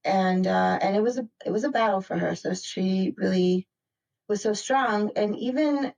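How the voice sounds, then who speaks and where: A woman's voice: medium pitch, normal speed, creaky, a little mellow, rough recording. A woman from Maryland speaking as a podcast guest in a casual interview, reflective and rambling, full of "like" and "you know". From Maryland, United States.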